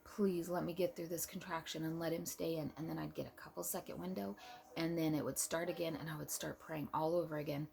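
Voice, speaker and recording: A young woman vlogger telling a personal story in an earnest, emotional way, with soft pauses. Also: sits low, fairly even intonation, creaky, slight background noise.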